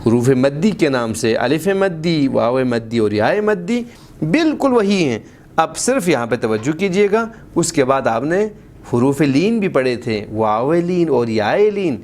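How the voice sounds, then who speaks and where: Male Quran teacher, mid pitch, patient and encouraging, slow drawn-out spelling of sounds, light background hiss. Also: big pitch swings, a little mellow. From Baltistan, Pakistan. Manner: encouraging, praises the pupil often. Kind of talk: step-by-step recitation lesson.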